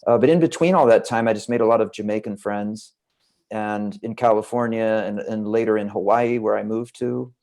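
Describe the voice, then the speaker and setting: Low-voiced American man telling stories. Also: normal speed, a little mellow. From Los Angeles, United States. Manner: rambling, reflective storytelling. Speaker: guest author. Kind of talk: casual interview chat.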